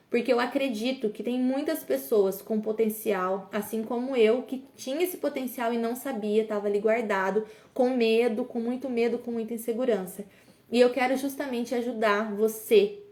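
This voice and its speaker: A woman's voice: fairly high pitch, darkish tone, echoey room. A woman from Brazil hosting a motivational podcast, speaking earnestly and straight to the listener, with frequent fillers. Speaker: podcast host and coach for teachers.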